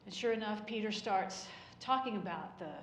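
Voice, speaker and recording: A woman's voice: medium pitch, normal speed, slight background noise. A woman pastor preaching a sermon, picturing a scene aloud with small restarts. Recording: echoey church room.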